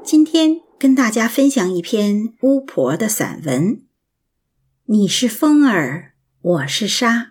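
Slow, husky woman reading prose. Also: a little high. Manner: slow, lilting, expressive reading. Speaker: narrator reading an essay. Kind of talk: scripted prose narration.

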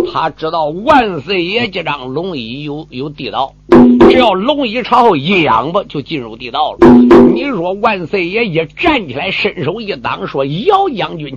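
A man performing a sung drum-ballad story, animated and half sung, addressing his audience. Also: on the high side, vocal fry. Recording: lo-fi with loud drum accompaniment.

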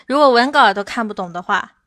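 A woman English teacher answering viewers' questions in a livestream, explaining slowly and stressing her English examples. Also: fairly high pitch, expressive, fairly bright tone, no room sound. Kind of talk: livestream Q&A lesson.

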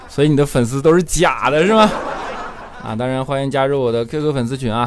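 A man's voice: mid-range voice, clean tone. A man hosting his own comedy talk show, teasing and chuckling as he talks. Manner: joking, teasing, chuckles often.

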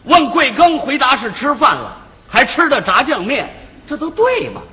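Brief: male comic, teasing, animated, high and bright. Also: moderate pace. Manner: teasing, mock lecturing. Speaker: crosstalk comedian. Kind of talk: comic stage dialogue.

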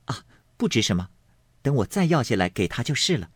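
A man voicing a saucy teenage servant girl who mocks and teases with quick, pert remarks. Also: mid-range voice, very animated, breathy edge, dry recording, studio quality. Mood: breezy. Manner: pert, mocking, quick-tongued.

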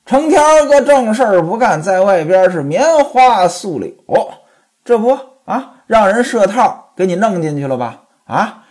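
A storyteller voicing a sharp-tongued young wife who scolds her husband at length in a raised, indignant voice. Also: mid-range voice, big pitch swings, unhurried, voice pushed up. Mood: scolding. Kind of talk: traditional storytelling voice.

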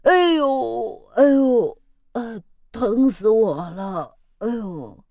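A woman voicing a gentle, doting chicken father in a children's storybook reading, talking softly and patiently. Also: medium pitch, lively intonation, slow pace, dry recording, studio quality, voice pushed down. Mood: hurt. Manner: soft, patient, indulgent. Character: gentle, doting, good-natured chicken dad.

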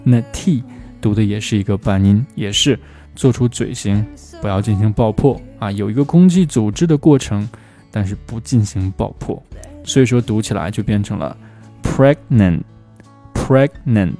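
低沉柔和的男老师. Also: male voice, fairly low pitch, mellow, soft background music. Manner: slows down to drill English phrases. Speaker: English pronunciation teacher. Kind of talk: spoken language lesson.

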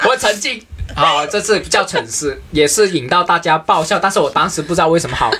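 A woman with a lowish voice that swings widely in pitch as she tells funny stories about herself. She laughs through her lines and acts out her own panic. Audience laughter comes through clearly behind her. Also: lively intonation, fast talker, crowd noise. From Guangxi, China. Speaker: podcast guest. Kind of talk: casual comedic chat.

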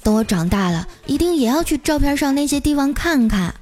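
A woman's voice: sits high, very animated, a little fast, darkish tone, voice pushed up. A woman voicing a six-year-old girl who is sweet, cheeky and a bit scheming, with a pleading childish manner. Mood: earnest.

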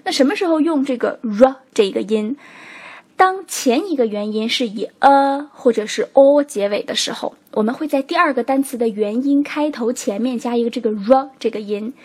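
A woman whose first language is Chinese, teaching a spoken English lesson, explaining step by step and saying example phrases slowly. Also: on the high side, a little mellow, slightly rough.

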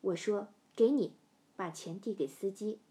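A middle-aged woman telling a first-person story, sinking to hushed whispers in tense parts. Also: medium pitch, fairly even intonation, moderate pace. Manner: dropping to hushed whispers in suspense.

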